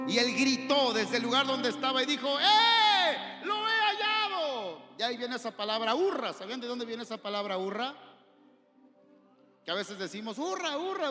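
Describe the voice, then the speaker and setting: A male pastor with a Mexican accent preaching a sermon in a church hall, impassioned, rising to shouts and asking the congregation questions. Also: sits high. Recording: echoey hall with long reverb, faint music.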